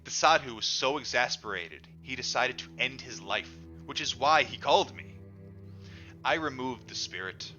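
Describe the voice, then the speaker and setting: In a mid-range, expressive voice that is pushed and bright, an audiobook reader narrates in the first person at a moderate pace. The delivery is emphatic and theatrical, with stressed words drawn out. The lo-fi recording is dull and has music in the background.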